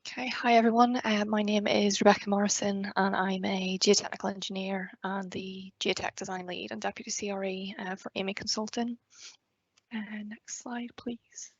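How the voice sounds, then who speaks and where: Northern Irish woman, thirties, even tone, a bit of fry, soft-spoken, muffled call. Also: medium pitch, moderate pace, no echo. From Northern Ireland. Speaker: geotechnical engineer giving a career talk. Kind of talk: presenting a slide talk.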